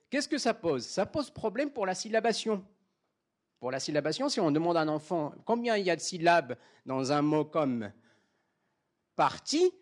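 Guy lecturing a class, voice jumps up and down a lot, kinda high for a man. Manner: checks in often with the class, demonstrates sounds aloud.

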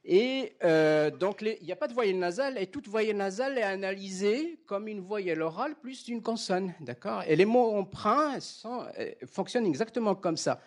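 Guy lecturing a class, voice jumps up and down a lot, kinda high for a man. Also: lively intonation, moderate pace, hardly any pauses. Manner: checks in often with the class, demonstrates sounds aloud.

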